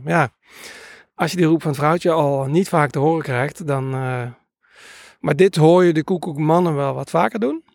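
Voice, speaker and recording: A slightly high-voiced man telling a rambling story. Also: a little mellow, no echo. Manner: rambling, hesitant, many filler sounds. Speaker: nature sound recordist. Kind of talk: casual interview storytelling.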